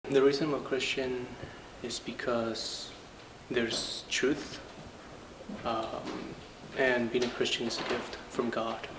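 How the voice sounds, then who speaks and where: Speaking haltingly and in short phrases, a Colombian Franciscan friar in his 20s who studies painting reflects personally in an interview. His voice is mid-range and even-toned, and noticeable ambient noise sits behind it.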